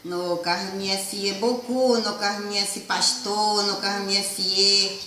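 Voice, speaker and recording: A man speaking slowly and haltingly in a recorded audio message, repeating phrases. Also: high voice, flat delivery, bright, forceful tone, a little hiss or hum. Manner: slow, halting, repetitive speech. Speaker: recorded message from a mission community. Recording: roomy audio played back with faint ambience.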